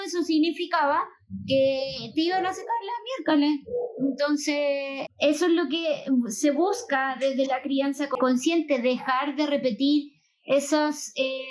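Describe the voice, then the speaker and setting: A Chilean woman hosting a live stream conversation, reading viewer comments and asking her guest questions. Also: sits high. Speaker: host.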